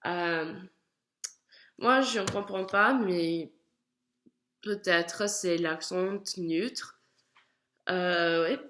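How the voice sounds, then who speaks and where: A young woman with an American accent, an English speaker, gives a spoken class reflection in French, halting and searching for words with many fillers. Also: on the low side, a bit bright. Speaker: student.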